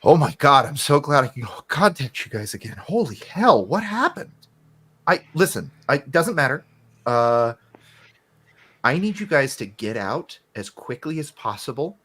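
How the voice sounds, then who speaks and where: A man's voice: medium pitch, sing-song, measured pace, fairly bright tone, husky, full character voice. A man voicing a frantic female operator for a tabletop game, talking urgently in short exclamations. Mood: frantic relief. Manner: urgent, breathless phrasing, exclamatory.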